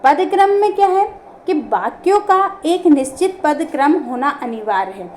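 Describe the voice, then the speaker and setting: Teaching grammar online, a woman with a high, slightly mellow voice takes each point step by step at normal speed, with lively intonation, posing questions and answering them herself. Faint ambient room noise can be heard in the background.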